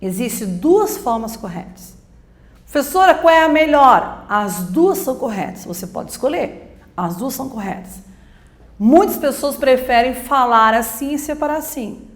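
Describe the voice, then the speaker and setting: Woman, teacher, step-by-step grammar lesson, rather high voice, echoey room. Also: animated, moderate pace. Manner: explains step by step, asks and answers her own questions. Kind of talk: grammar lesson for exam prep.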